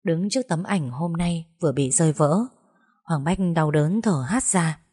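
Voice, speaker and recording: A woman reading a story aloud, gentle and emotive. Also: deep voice, moderate pace, husky, dry recording, studio quality. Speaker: narrator. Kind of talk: audiobook story narration.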